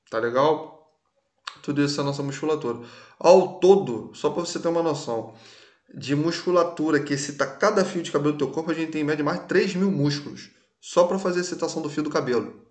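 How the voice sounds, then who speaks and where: A man's voice: fairly high pitch, brisk. A man teaching a recorded class in a casual way, often checking that students follow along. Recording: echoey room.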